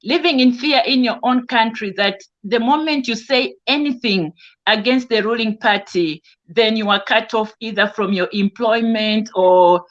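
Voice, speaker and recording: A woman's voice: a little high, moderate pace. Earnest woman from Zambia on a call. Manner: earnest, with frequent restarts and fillers. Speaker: caller on an online discussion. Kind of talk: casual spoken testimony. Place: home, in the UK. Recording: dull lo-fi video call audio.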